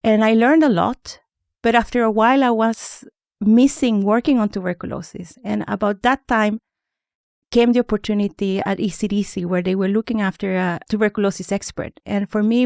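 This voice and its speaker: A woman, and her voice carries a gravelly edge. She is a guest expert on a podcast, explaining carefully at a mid pitch with the odd restart. The recording is close and dry. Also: darkish tone, no room sound. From Honduras. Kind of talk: podcast interview.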